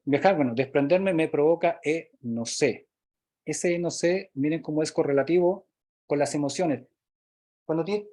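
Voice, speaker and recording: A man's voice: a little high, dark tone, slightly rough. A man teaching a workshop, explaining step by step and often checking in with tag questions. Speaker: workshop instructor. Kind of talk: recorded online workshop lesson.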